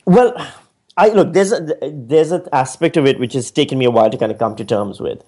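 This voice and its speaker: A man from Pakistan, an author and stand-up comedian, talking through his ideas in a casual interview, reflective and animated with frequent restarts. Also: medium pitch, fairly quick, husky.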